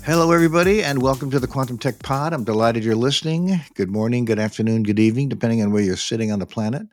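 A man's voice: mid-range voice, lively intonation, dry recording, soft background music. Formal male podcast host. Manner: polite, formal and measured. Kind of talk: scripted interview introduction.

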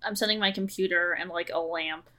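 A woman's voice: lowish voice, steady tone, brisk, bright, forceful tone. A young woman co-hosting a casual podcast chat, chatty and loose with light swearing. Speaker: podcast co-host.

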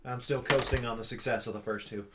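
A man's voice: medium pitch, steady tone, fast, noisy background. Dry-joking male player. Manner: dry, joking, playing his character. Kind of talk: casual tabletop play.

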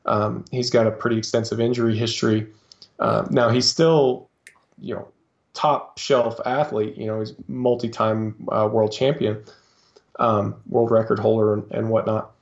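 A man appears as a guest coach in a podcast interview, speaking in a creaky, lowish voice with a level tone at a moderate pace. The casual talk is hesitant, with many fillers and restarts, and the lo-fi sound is slightly dull.

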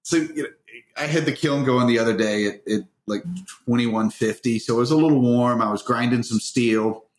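A man's voice: mid-range voice, moderate pace. A man from the American South, a podcast co-host telling stories in a wry, joking way. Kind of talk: casual chat. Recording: roomy echo.

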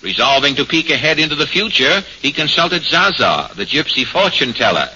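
A man's voice: on the high side, very animated, normal speed, pushed and bright. Muffled hissy old radio recording, male narrator, mock-solemn scripted comedy delivery, 1940s style.

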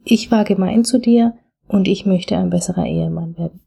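A woman's voice: fairly low pitch, fairly quick, gravelly, slightly rough, exaggerated voice. Woman quoting a patient, earnest husband. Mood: gentle, earnest. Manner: gentle, steady, repetitive asking. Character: earnest middle-aged husband patiently asking his wife.

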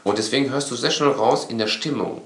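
A man in casual conversation, talking in an animated, rambling way and often tagging his sentences with a questioning "ne". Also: mid-range voice, a little fast, a little hiss or hum. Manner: animated, rambling, frequent tag "ne?". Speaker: course instructor. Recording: echoey room.

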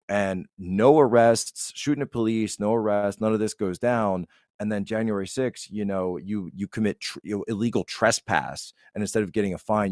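As a podcast guest, a man gives conversational political commentary, emphatic and repeating phrases to drive his points home. His voice sits fairly low and a little mellow, recorded at studio quality with no room sound.

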